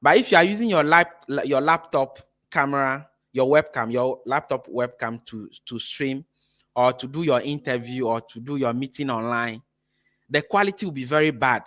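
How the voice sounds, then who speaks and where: A man from Ghana runs a live-streamed workshop for teachers as its host and trainer, talking energetically into a phone camera mic and frequently checking in with "right?". His voice sits in the mid range, a little bright, at a moderate pace.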